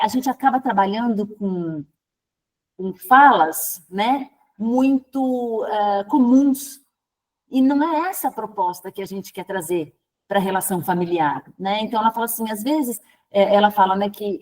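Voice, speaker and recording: A woman's voice: medium pitch, a little mellow, rough recording. A Brazilian woman presenting at a spiritist center, speaking conversationally with frequent tag questions and restarts. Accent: Brazilian Portuguese. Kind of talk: online training talk.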